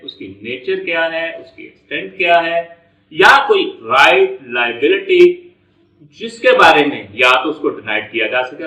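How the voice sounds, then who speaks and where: A man with a Pakistani accent gives an explanatory law lecture in a slightly high, bright, forceful voice, repeating and rephrasing each step and mixing in English legal terms. The room echoes and the distant mic sounds dull.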